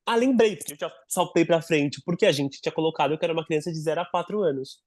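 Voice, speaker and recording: A man telling a personal story in a casual podcast conversation. He is animated, and he often restarts and repeats words as he goes. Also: fairly high pitch, fast, dry recording, clean studio sound. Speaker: podcast guest, adoptive father.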